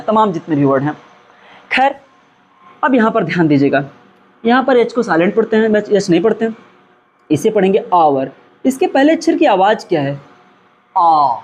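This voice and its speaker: High-voiced and recorded with a little hiss or hum, a man teaches grammar in classroom style. He asks the students questions only to answer them himself, stressing key words by repeating them.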